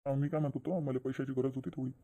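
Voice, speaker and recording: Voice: mid-range voice, steady tone, very fast, dark tone, lightly acted. A voice actor playing an insistent young man in a cartoon, begging his sister for money. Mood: pushy. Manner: insistent, pleading. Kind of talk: cartoon voice acting.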